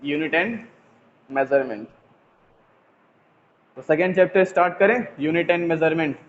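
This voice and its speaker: A male physics teacher runs an online class from his mobile phone, chatting with his students and jokingly scolding them. His voice is a little high at a moderate pace, and the tinny phone line sounds echoey with faint noise.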